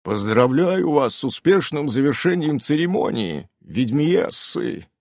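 A man voicing a solemn male werewolf servant who talks in a slow, ceremonious way. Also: on the low side, very animated, breathy edge, no echo, clean studio sound, voice pushed down, full character voice. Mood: formal.

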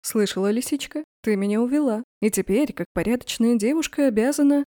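A woman's voice: on the high side, fairly quick, warm tone, dry recording, clean studio sound, lightly acted. A woman voicing a mocking, arrogant young male dragon in a fantasy audiobook. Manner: teasing, smug.

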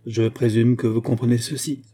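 A man voicing a bitter, ragged vagabond who speaks curtly and defiantly in a dark, husky voice. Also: mid-range voice, flat delivery, normal speed, lightly acted. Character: bitter, ragged male vagabond, hard and resolute.

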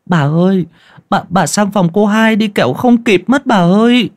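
Audio story: young frightened servant girl, high and urgent, voiced by the narrator. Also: expressive, moderate pace, natural voice. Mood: panicked. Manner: breathless, urgent pleading.

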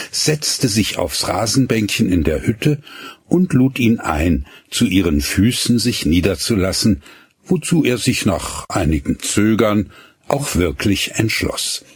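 A man narrating a radio story slowly and expressively, voicing the dialogue as he goes. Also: on the low side, slightly rough, no echo, clean studio sound.

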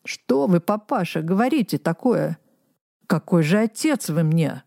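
A woman's voice: lowish voice, expressive, unhurried, vocal fry, mellow, no room sound, studio quality, exaggerated voice. Brief: woman reader playing a groveling scheming clerk, fussy and wheedling. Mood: fussing. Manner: fussy, ingratiating. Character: fawning, scheming aging male official.

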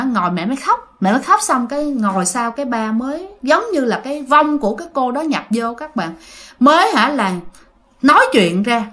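Here a woman whose voice is a little high and somewhat bright spins a ghost story in a Southern Vietnamese accent. She keeps it chatty and speaks straight to the people listening.

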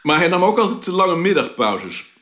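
A man's voice: high voice, very animated, moderate pace, pushed and bright. A man narrating a radio drama and speaking as its lead character, in a wry, understated way.

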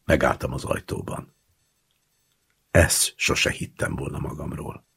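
A man reading a literary short story aloud in the first person, acting out the dialogue in a lively way. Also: very deep voice, gravelly, breathy edge. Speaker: audiobook narrator.

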